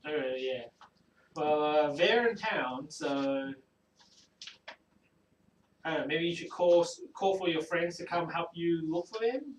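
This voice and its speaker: A man's voice: a little high, takes it slowly, pauses often. A man playing a tabletop game, talking in a casual, offhand way. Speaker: player. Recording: roomy, distant mic, faint noise.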